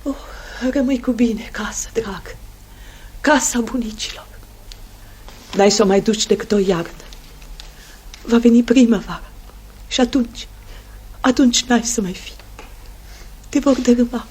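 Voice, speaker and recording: A woman's voice: on the high side, long pauses, a little mellow, husky. An actress playing a sentimental aristocratic mother who is bidding farewell to her family home, in a radio play. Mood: wistful. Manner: wistful, tender, sentimental. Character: Lyubov Ranevskaya, a wistful aristocratic mother. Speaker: radio drama actor.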